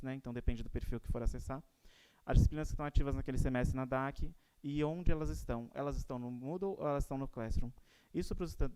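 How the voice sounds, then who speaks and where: A middle-aged Brazilian man gives a formal presentation at a council meeting, hesitating often and filling pauses with "é". His voice is dark and mellow, with a flat, even pitch and a smooth, clear tone. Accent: Brazilian Portuguese. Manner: hesitant, many "é" fillers and restarts. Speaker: graduate coordinator presenting to a university council.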